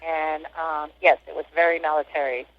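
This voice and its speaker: A woman's voice: low voice, little pitch movement, normal speed. Woman in her sixties on a prison phone. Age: 60s. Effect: muffled prison phone line. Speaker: inmate interviewee. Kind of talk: casual recollection. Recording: dull lo-fi phone call.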